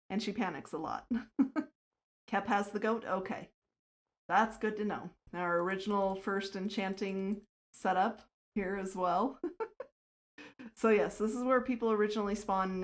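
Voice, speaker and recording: A woman hosts her own livestream in a relaxed, chatty way. She laughs often and answers her chat between thoughts as she plays. Her voice sits at a middle pitch for a woman. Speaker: livestreamer and server host. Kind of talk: casual livestream chat while playing a game.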